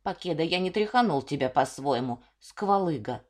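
Woman doing a gruff red-haired little peasant. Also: deep voice, animated, normal speed, voice pushed down. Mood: threatening. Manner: gruff, defiant. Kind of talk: storybook reading.

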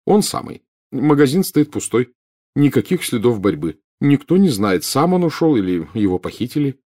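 A man's voice: mid-range voice, big pitch swings, normal speed, warm tone, pitched above the performer's own voice. A man voicing a worried middle-aged wizard father who talks hesitantly. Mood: grave. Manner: hesitant, grave.

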